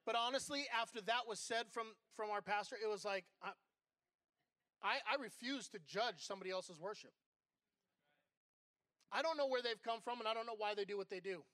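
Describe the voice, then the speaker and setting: Middle-aged man, associate pastor, high bright voice, dry close sound, conversational sermon. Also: moderate pace, pauses often, no room sound. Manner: conversational, candid preaching with personal stories.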